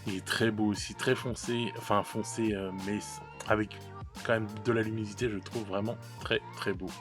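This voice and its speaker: A man's voice: lowish voice, steady tone, moderate pace, over music. A man casually reviewing paint colors, chatty and hesitant, with many fillers and restarts and self-mocking laughs at his own mistakes. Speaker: miniature painting youtuber.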